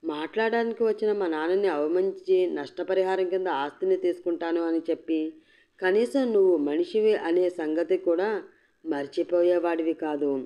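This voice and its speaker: A woman's voice: lowish voice, warm tone, lightly acted. A woman voicing a defiant young woman who speaks firmly and mockingly. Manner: cutting, mocking, firm. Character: defiant young woman, sharp-tongued and unbowed. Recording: dull lo-fi recording.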